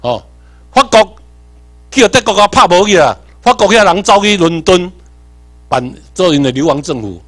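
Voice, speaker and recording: Taiwanese guy lecturing a class, kinda high pitched, gets loud then trails off quiet, keeps quizzing the room. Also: moderate pace, long pauses. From Tainan, Taiwan. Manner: animated, quizzes the audience, loudness swings from emphatic to muttered. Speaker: workshop lecturer. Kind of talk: seminar lecture mixing Hokkien and English terms.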